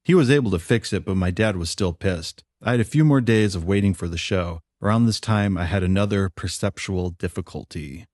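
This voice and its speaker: A man's voice: low-pitched, brisk, few pauses, a little mellow, no room sound, clean studio sound. A man narrating his own memoir in a plain, reflective storytelling manner.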